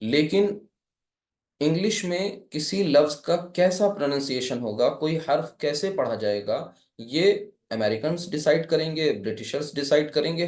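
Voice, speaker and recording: A man's voice: a little high, a little mellow, reverberant. A man from India teaching a live Arabic class, patiently explaining step by step and quizzing his students.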